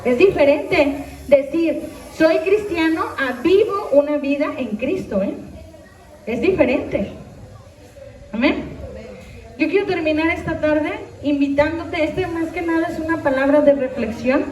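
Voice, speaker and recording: A woman pastor with a high voice preaches to her congregation, asking them questions and urging them to act. She sounds a little distant from the mic, and her voice rings through an echoey church hall with a faint hum of the room behind her. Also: unhurried, darkish tone. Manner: direct, questioning the congregation, exhorting. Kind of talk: sermon.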